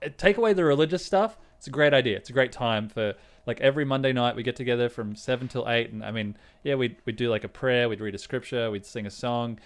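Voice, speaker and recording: A man's voice: mid-range voice, fast talker, hardly any pauses. A man co-hosting a podcast, chatting casually, rambling and swearing, often laughing. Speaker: podcast co-host. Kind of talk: casual chat.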